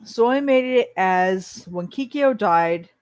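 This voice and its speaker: Casual vlogger, unhurried and opinionated, blunt with some cursing, talks while chewing; dry, close recording. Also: mid-range voice, expressive, clear, resonant tone, no room sound. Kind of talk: casual rambling chat.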